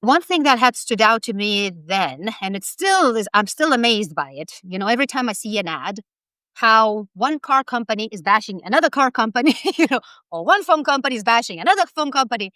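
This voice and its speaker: A Lithuanian woman in her forties, a personal branding expert appearing as an interview guest, speaks with a Lithuanian accent and gives direct, emphatic advice, laughing between points. Her voice is a little high, expressive and brisk, with a bright, forceful tone and no room sound.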